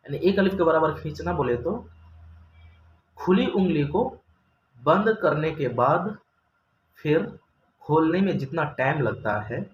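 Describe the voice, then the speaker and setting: A man's voice: fairly high pitch, muffled recording. A man teaching a step-by-step recorded lesson, patiently asking questions and answering them himself. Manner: patient, asks questions then answers them, drawls example sounds. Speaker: Quran reading teacher. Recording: roomy echo, faint ambient noise.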